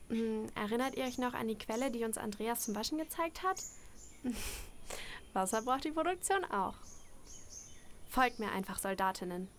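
A woman's voice: a little high, expressive, normal speed, pauses often, slight background noise, natural voice. A woman voicing a torn young woman contestant who hesitates, repeats words and sometimes whispers. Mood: resolved.

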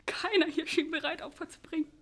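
A woman's voice: very high-pitched, steady tone, brisk. Charlotte, a woman playing a sobbing guilt-ridden young woman. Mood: tearful. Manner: stammering, breathless sobs. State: crying. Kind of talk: audio drama acting.

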